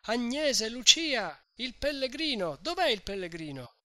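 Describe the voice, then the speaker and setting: A reader voicing an alarmed crowd of village men who shout frantic questions over each other, in an audiobook of a classic novel. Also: sits high, expressive, measured pace, voice pushed up, full character voice.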